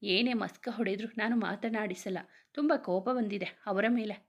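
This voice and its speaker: A woman's voice: mid-range voice, normal speed, highs cut off, natural voice. A woman doing a sulking young pregnant wife. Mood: reproachful sulking. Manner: reproachful, pouting.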